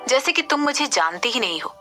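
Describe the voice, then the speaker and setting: A woman's voice: high voice, sing-song, a little fast, over music, pitched above the performer's own voice. A woman voicing a scornful arrogant young man. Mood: contemptuous. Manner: contemptuous, bossy.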